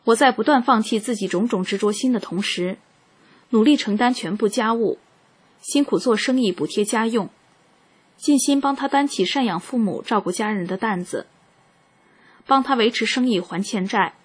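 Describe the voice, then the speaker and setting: A woman reading a first-person account aloud in a calm, measured narration. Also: a little high, slightly rough.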